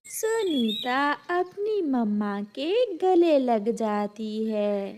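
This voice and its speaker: A woman narrating a children's cartoon story in a scripted storybook style. Her voice is fairly high and very slow, with faint background noise. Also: big pitch swings, darkish tone.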